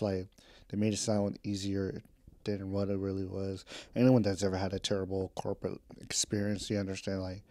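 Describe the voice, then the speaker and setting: Speaking from home, a twenty-something vlogger catches up with listeners in a loose podcast chat, candid and wandering between subjects with slang and the odd swear. His voice is lowish and warm, recorded with no echo.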